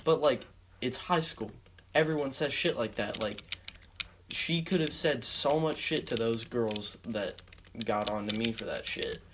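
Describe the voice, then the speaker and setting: A man's voice: mid-range voice, expressive, unhurried, background noise. A teenage boy telling a story in a casual storytime narration, rambling with heavy swearing and many fillers. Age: teens.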